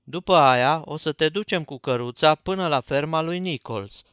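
A man's voice: fairly high pitch, a bit bright, clean tone, no echo, lightly acted. A man doing a kindly old farmer-preacher. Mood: welcoming. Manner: hospitable, homely.

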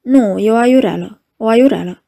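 A woman's voice: high voice, expressive, creaky, a little mellow, dry recording, clean studio sound, voice pushed up, exaggerated voice. A woman reading an audiobook, voicing a baffled male theatre administrator with a wry, exasperated manner.

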